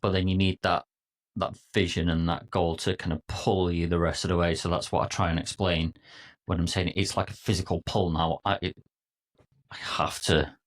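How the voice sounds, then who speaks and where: Man, podcast co-host, coach, casual chat, enthusiastic, jokey, deep voice. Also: flat delivery, normal speed.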